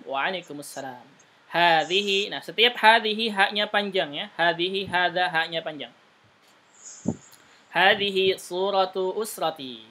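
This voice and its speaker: A man teaching a private Arabic lesson, explaining patiently and reading Arabic phrases slowly. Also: a little high, sharp tone.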